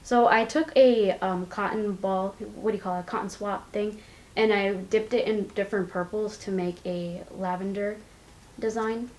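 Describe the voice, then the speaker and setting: A woman's voice: mid-range voice, steady tone, normal speed, darkish tone, echoey room, low-quality recording. A young woman vlogging casually at home, chatty and rambling, with giggly asides, recorded on a compact camera's built-in mic. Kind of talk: casual chat. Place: indoors at home, her room.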